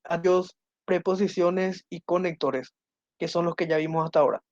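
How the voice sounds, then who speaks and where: A man teaching an online grammar lesson. He slows down to read out correct and incorrect phrases and keeps asking his listeners whether they follow. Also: sits high, flat delivery, highs cut off, soft background music. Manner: often checks in with listeners, asking ¿verdad?.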